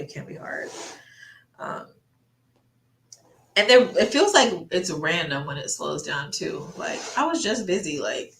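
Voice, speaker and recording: A woman with a slightly low voice chats casually in an echoey room. She sounds congested, breathing through her mouth, and rambles along as if thinking aloud on a livestream. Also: a bit bright. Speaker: artist livestreamer chatting while painting. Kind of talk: casual chat.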